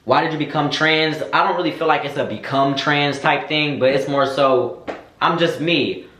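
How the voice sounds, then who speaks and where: A sassy young American vlogger chats candidly to camera in a casual Q&A, using slang and calling viewers "girl." His voice is on the high side, pushed and bright, at a moderate pace, in an echoey room with slight background noise.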